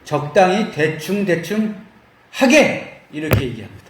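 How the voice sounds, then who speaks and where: A man preaching a lively Bible-study sermon, acting out quoted voices and laughing as he goes. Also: sits high, unhurried, reverberant, slight background noise. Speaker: pastor.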